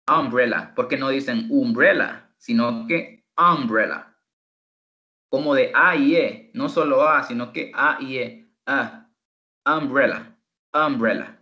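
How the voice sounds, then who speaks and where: A male teacher with a Salvadoran Spanish accent leads an online lesson, drawing words out slowly and repeating them in drills. His voice is bright and forward. It comes through a dull, echoey call recording. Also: fairly high pitch. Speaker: English teacher.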